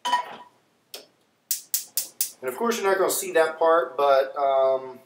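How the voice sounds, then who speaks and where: A man's voice: a little high, expressive, very slow. Guy chatting on a cooking stream, cave echo on his voice, sounds far from the mic. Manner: chatty, talks to viewers while fiddling with audio settings. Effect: echoey, cave-like room sound. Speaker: livestream host cooking breakfast. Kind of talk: casual livestream chat while cooking. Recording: roomy echo, off-mic, faint noise.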